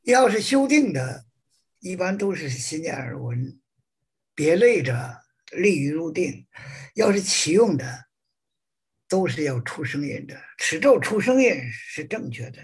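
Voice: medium pitch, husky. A Buddhist practice teacher, answering questions in plain, reassuring words and repeating key points. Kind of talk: colloquial Q&A answers.

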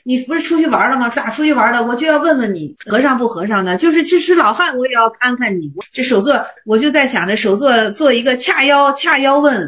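Woman Buddhist teacher, high voice, casual lecturing tone. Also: fast, few pauses, echoey room. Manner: colloquial, lively explaining. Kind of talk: lecture on Zen texts.

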